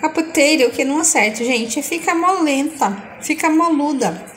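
Here the same kind of voice runs at normal speed: high-pitched, with a little hiss or hum in the recording. It belongs to a middle-aged woman from Brazil who vlogs from her home kitchen, playfully describing her food to the phone camera and making up sweet diminutives.

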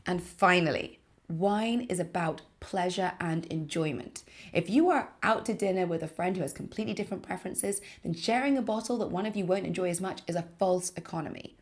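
A woman, giving scripted wine tips to camera from a living room in a lively, emphatic way. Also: on the low side, brisk. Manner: lively, expressive, emphatic gestures. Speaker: wine presenter. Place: home living room, indoors.

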